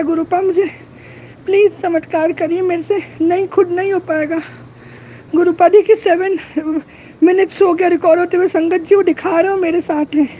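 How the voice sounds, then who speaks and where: A man's voice: very high voice, mellow, a little hiss or hum. A young man praying outdoors at night, tearfully and repeatedly begging his guru for help. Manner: begging, repetitive, emotional. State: tearful, near crying. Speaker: devotee. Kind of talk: tearful pleading prayer. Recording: dull lo-fi with faint ambience.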